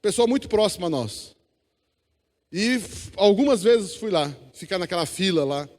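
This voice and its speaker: A man's voice: high-pitched, lively intonation, moderate pace, darkish tone. A man with a Brazilian accent preaching a sermon in church, exhorting the congregation and calling for responses. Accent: Brazilian Portuguese. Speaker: pastor. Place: church hall. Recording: long church hall reverb.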